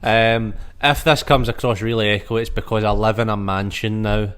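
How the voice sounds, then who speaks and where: A man's voice: lowish voice, little pitch movement, moderate pace, fairly bright tone, clear, resonant tone. Man, podcast co-host, casual jokey banter, big-hall echo, home mic. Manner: joking, self-mocking. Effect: roomy echo, as in a big hall. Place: big echoey room in his home.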